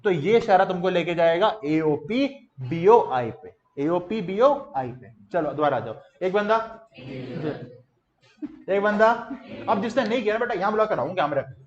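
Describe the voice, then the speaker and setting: Energetic male lecturer, fairly high-pitched, drilling a class in call-and-response; muffled lo-fi recording. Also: normal speed, roomy sound. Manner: mixes in English terms. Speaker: teacher.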